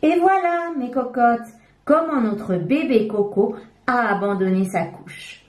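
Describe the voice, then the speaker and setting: A woman reading a children's story aloud in an expressive, animated storytelling manner. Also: a little high, slow, roomy sound, soft background music.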